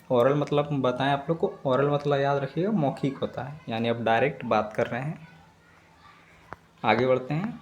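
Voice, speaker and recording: A young man tutoring students, reading English quiz questions aloud slowly and explaining each answer. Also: mid-range voice, darkish tone, slight background noise. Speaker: exam prep tutor.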